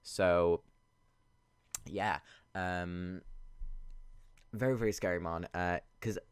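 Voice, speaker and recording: A man's voice: deep voice, fairly even intonation, takes it slowly, smooth, dry recording. A man sniffly and congested with a cold, giving casual, rambling gameplay commentary and thinking aloud. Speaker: video game battle commentator.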